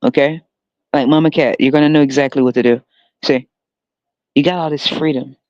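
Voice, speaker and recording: A man's voice: medium pitch, steady tone, brisk, darkish tone, no room sound. A man hosting a solo podcast, talking in a heavily sarcastic, mocking way and often laughing. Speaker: podcast host. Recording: dull lo-fi dry recording.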